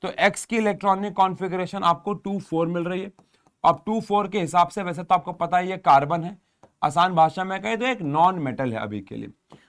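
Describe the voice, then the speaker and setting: Higher-voiced man teaching chemistry. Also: a bit bright. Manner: explains step by step, addresses students directly. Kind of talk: exam-prep chemistry lesson.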